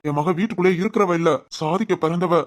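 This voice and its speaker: Guy doing a steady reassuring village dad, tirunelveli accent, cartoon drama. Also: high-pitched, fast talker, natural voice. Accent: Tirunelveli Tamil. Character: firm but loving village father.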